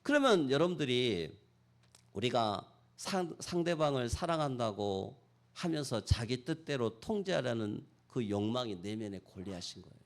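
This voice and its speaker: Gravelly-voiced preacher, lively swings. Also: male voice, mid-range voice, moderate pace. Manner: preaching with sudden loud and soft swings, acting out prayers. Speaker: pastor. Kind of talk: sermon. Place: church sanctuary.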